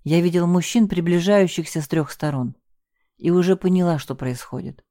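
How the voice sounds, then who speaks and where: A woman with a low, dark, mellow voice narrates a tense first-person story. The sound is dry and close, with no room around it. She lifts her pitch and pushes harder when the characters shout. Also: moderate pace, no echo. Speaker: audiobook narrator.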